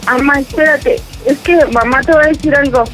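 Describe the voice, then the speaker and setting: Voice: sits high, fairly even intonation, normal speed, a bit bright, poor audio. A performer playing a flustered young married woman with a Mexican accent, stammering and pleading in a radio comedy sketch. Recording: radio studio with music behind.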